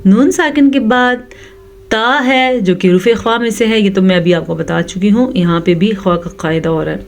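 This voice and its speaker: A woman's voice: medium pitch, normal speed, soft background music. A woman teaching Quran recitation rules, explaining them patiently and repeating sounds to correct pronunciation. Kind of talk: tajweed lesson.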